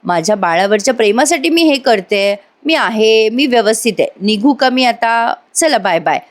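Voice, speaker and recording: A woman doing a young wife who is hopeful and devoted, talking cheerfully and coaxingly, her voice fairly high. It stays close to her own voice. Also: lively intonation, moderate pace, natural voice.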